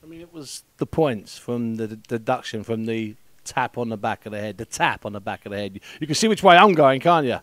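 Lively older British interviewer. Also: male voice, mid-range voice, a little fast, few pauses, dry recording. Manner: emphatic, rising to fervent praise. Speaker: radio sports interviewer. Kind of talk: post-fight interview. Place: locker room, indoors. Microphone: handheld mic.

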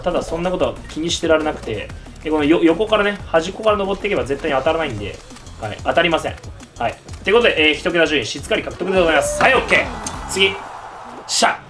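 Man, high pitch, excited game commentary, yells at teammates, faint music behind. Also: quick pace. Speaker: gaming channel host.

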